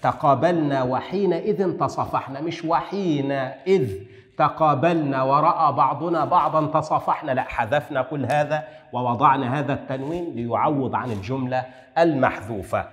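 A man with a medium-pitched, fairly bright voice lectures on Arabic grammar in a classroom style, his words echoing through a hall with long reverb. He explains things carefully, recites poetry slowly, and slips Egyptian colloquial asides into his formal Arabic.

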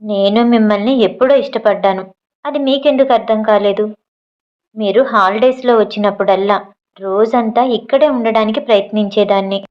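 A woman's voice: medium pitch, normal speed, lightly acted. A woman reading a shy young bride's lines with emotional, pleading questions, in a dull lo-fi recording. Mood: loving. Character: shy young bride, loving and playfully cross.

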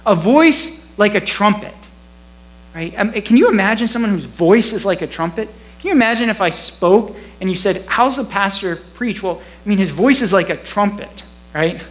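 A man preaching a sermon as pastor in a church, conversational and animated, often laughing at himself. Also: high-pitched, brisk, rough recording.

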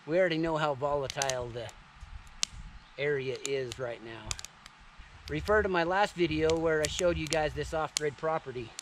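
A relaxed man in his thirties talks viewers through his camp kitchen in a forest clearing, his voice sitting a little high. He chats loosely, calling out "you guys", with a faint outdoor hiss behind him. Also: moderate pace. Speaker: vlogger showing camping gear. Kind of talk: casual outdoor demonstration. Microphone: camera on a tripod and handheld selfie camera.

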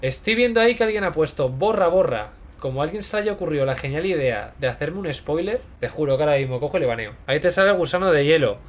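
Excitable young gamer man. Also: a little high, fast, few pauses. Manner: excitable, yelps and repeats words in panic. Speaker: gameplay streamer. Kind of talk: casual let's-play commentary.

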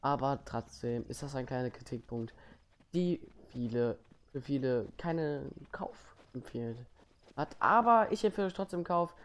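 A young man giving casual let's play commentary in an informal, slangy way. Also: medium pitch. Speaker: let's player.

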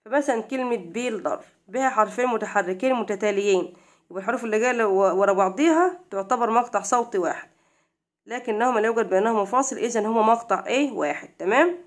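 Woman, Egyptian Arabic accent, young adult, English lesson for kids, slow careful reading, quizzing questions. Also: fairly high pitch. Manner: reads English slowly and then translates, quizzing with questions. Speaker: English teacher. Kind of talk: explaining a primary-school English lesson.

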